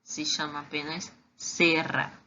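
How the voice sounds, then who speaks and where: Slow, patient woman teaching small children. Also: sits low, flat delivery. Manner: slow, patient, repeats each word twice. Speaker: preschool teacher. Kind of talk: recorded remote lesson for young children. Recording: dull lo-fi recording with clear background noise.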